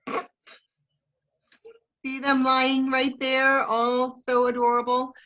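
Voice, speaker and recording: A woman's voice: sits high, monotone, slow pace, muffled recording, heavy background noise. A woman telling a story in casual, chatty fashion over a video call. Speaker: staff member sharing news.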